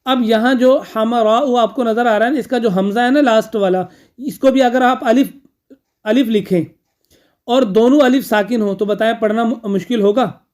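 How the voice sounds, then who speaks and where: In a medium-pitched voice, a teacher lays out grammar rules in a steady classroom lecture, saying key terms twice. He poses questions to the class and answers them himself, often checking in with a quick filler.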